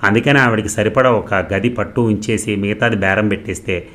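Man putting on a loud nagging wife. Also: steady tone, a little fast, slight background noise, lightly acted. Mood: eager. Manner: loud, shrill and complaining. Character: nagging, selfish young wife, loud and scolding.

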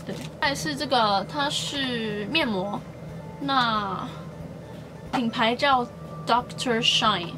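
A young woman speaks in a bright, fairly high register. She talks in an upbeat, casual way and doubles words for emphasis. Music plays clearly behind her. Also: slow pace. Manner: chatty and upbeat, often stresses words by doubling them. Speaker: beauty and shopping vlogger. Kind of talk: casual haul vlog chat.

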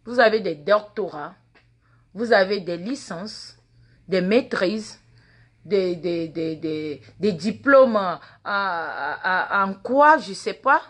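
Taking it slowly in an expressive, fairly bright mid-range voice, a Mina-accented woman in her forties, a native Mina speaker, lectures her followers live from a large indoor waiting room. The social media personality holds her phone at arm's length, impassioned and repetitive, echoing her own words and questions.

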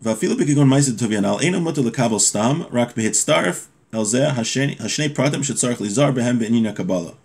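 In a small indoor home room lined with bookshelves, a man in his thirties reads from a text on religious law and explains it step by step in an informal lesson. His mid-range voice is animated, fast and darkish, with vocal fry and hardly any pauses.

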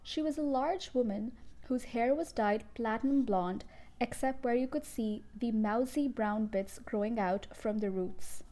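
A woman reading a children's book aloud in a steady, clear storytelling manner. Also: on the high side, a little slow.

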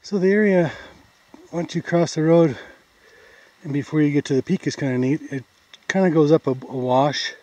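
A man with an American accent films a forest trail hike, narrating casually and plainly while pointing out sights. His fairly high, slightly mellow voice moves at normal speed with frequent pauses. The recording is dry, with dull, lo-fi camera sound.

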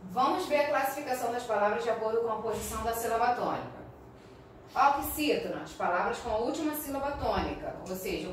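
A woman primary school teacher with a Brazilian accent, slowly and patiently explaining a recorded class lesson and often checking in with her pupils. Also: fairly high pitch, a little hiss or hum. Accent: Brazilian Portuguese. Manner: slow, patient, frequent check-ins with the class. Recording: echoey room, mic at a distance.

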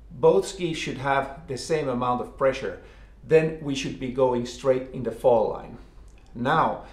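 A man in his forties giving an instructional explanation as a ski instructor, halting and often repeating and rephrasing his words, recorded indoors in a living room. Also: medium pitch. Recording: echoey room.

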